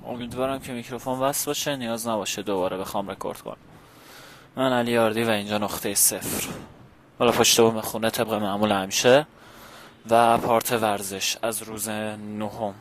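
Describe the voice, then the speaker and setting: A man's voice: on the low side, steady tone. Man vlogging a workout over background noise. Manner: informal, addressing viewers, calling out exercises and reps. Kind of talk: casual workout vlog talk. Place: outdoors on a house rooftop.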